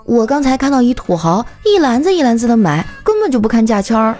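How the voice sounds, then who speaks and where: A petulant young woman who teases her boyfriend and sulks when she doesn't get her way, as a female storyteller puts her on. The voice sits high and swoops around lively, with whiny turns. Soft music plays faintly underneath. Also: fast talker. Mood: envious. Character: young woman friend, foodie, quick to sulk.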